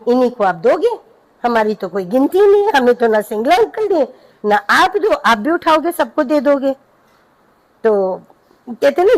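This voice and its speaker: A middle-aged woman with a high voice tells a devotional story to a gathered congregation. She speaks earnestly and recounts the anecdote in a warm-hearted way. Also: rough recording.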